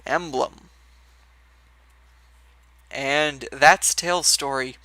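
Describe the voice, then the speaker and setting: A man's voice: fairly high pitch, drawn-out words, sharp tone, no echo. A young man casually commenting while streaming a video game, rambling with fillers and restarts.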